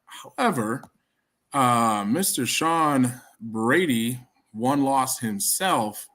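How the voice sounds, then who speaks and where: A man's voice: medium pitch, animated, very slow, fairly bright tone. A man with a Wisconsin accent hosting a casual podcast chat, rambling through thoughts with frequent restarts. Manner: rambling, many restarts and fillers. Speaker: podcast host.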